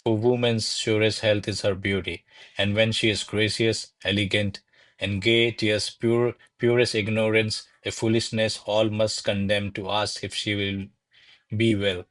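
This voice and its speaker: In a stage-style radio play, a male actor voices the courtly servants and grandiloquent noble suitor of a classical Spanish comedy, delivering lines in a formal, florid, pompous and ardent manner. His voice is lowish, flat, unhurried and a bit bright, with no room sound.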